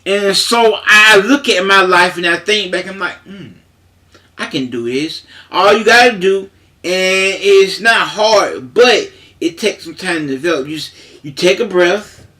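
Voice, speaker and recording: A man's voice: high voice, unhurried, bright, forceful tone. A man speaking in a casual, emphatic monologue as a paralegal, repeating himself and using frequent fillers, with a way of talking.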